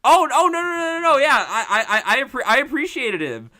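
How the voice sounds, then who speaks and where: Man, podcast co-host, casual movie chat, bright tone, lively pitch, profane, rambling. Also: a little fast.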